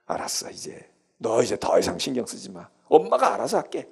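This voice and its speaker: A man voicing God as a tender, protective parent who reassures a hurt child, speaking softly and kindly in a sermon. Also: a little high, animated, brisk, gravelly. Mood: reassuring.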